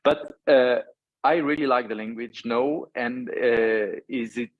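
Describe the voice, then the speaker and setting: This is a man whose first language is French, speaking as a guest on a panel. His pitch sits mid-range. He talks thoughtfully and pauses to find words, and the recording sounds dull and lo-fi. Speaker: diplomat, cultural director.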